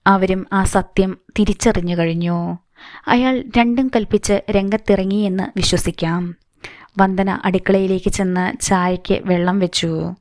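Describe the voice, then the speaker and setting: A woman narrating a dramatic novel in a steady storytelling manner. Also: medium pitch, unhurried, no echo. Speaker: audiobook narrator.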